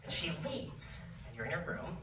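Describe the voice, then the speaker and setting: A man's voice: a little high, very animated, moderate pace. Man telling stand-up stories in a roomy hall. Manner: conversational storytelling with fillers. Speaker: stand-up comedian. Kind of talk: stand-up comedy set. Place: live performance venue. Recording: distant roomy stage recording with noise.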